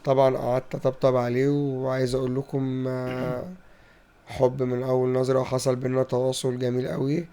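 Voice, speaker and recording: A man's voice: medium pitch, monotone, fairly quick, dark tone, clear, resonant tone. A man with an Egyptian Arabic accent narrating a playful farm vlog, telling funny stories about talking with the animals. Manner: playful, acts out talks with animals. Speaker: vlogger. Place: farm in the countryside.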